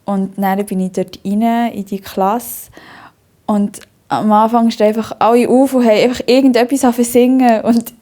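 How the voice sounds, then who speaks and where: Hearty laughing woman, Bernese Swiss German. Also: mid-range voice. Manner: hearty, laughs often and loudly; talks at length with many fillers and restarts. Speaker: interviewee. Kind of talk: personal storytelling interview.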